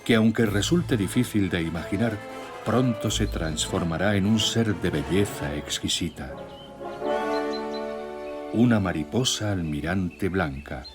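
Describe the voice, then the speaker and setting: A man narrating a scripted nature documentary in a measured, solemn storytelling way. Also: sits low. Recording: music bed with nature sounds. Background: music, birdsong and nature sounds.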